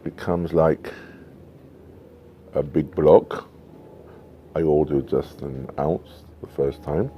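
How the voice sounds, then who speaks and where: A man in his fifties chatting casually to camera outdoors, in an unhurried, musing manner with frequent pauses. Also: extremely low pitch, steady tone, muffled recording. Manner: unhurried, musing, pausing often. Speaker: pipe tobacco reviewer. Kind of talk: casual vlog chat. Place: covered porch outdoors at night. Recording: noisy home-made outdoor recording.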